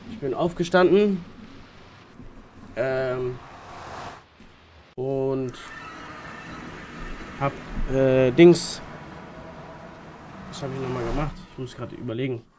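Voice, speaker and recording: A man's voice: medium pitch, slow pace, pauses often, noisy background. A man in his twenties, a streamer chatting casually and loosely with slang and hesitations while playing a game in an indoor room on a desk mic. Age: 20s. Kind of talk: casual gaming chat.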